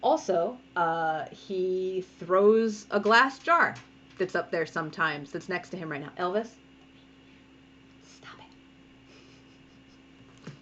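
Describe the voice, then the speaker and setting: A woman cartoonist gives a casual drawing tutorial from home in a lowish, fairly bright, expressive voice, speaking unhurriedly on a muffled recording. She's chatty and giggly while teaching the draw-along, often breaking off to scold her cats.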